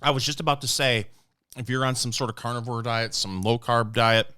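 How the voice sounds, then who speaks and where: Deadpan co-host guy, bright crisp voice, dry close sound. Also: mid-range voice, fairly quick, no echo. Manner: mock-serious deadpan. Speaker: podcast co-host. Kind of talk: casual comedic banter.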